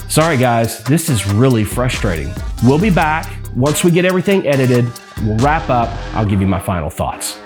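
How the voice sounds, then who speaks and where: A man's voice: medium pitch, normal speed, few pauses, music in the background. Frustrated man reviewing action cameras. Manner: frustrated, rambling, animated explaining.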